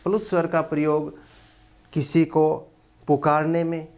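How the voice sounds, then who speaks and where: A male Hindi grammar teacher giving an online lecture, speaking deliberately and filling his pauses with long drawn-out "a" sounds. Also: fairly high pitch, level tone, a little mellow. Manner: slow, deliberate, with many drawn-out "a" fillers.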